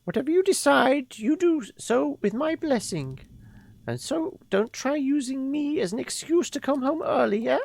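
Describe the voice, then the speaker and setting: Someone putting on a high, tender old lady voice. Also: big pitch swings, normal speed, vocal fry, darkish tone, no room sound, full character voice. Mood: reassuring. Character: kindly old woman mentor, gentle and reassuring.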